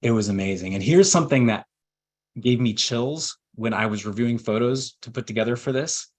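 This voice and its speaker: A man's voice: mid-range voice, a little fast. Earnest man telling a personal story. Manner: earnest, heartfelt storytelling with fillers and restarts. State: emotional at times. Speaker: estate planning attorney. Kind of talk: personal story in a webinar talk.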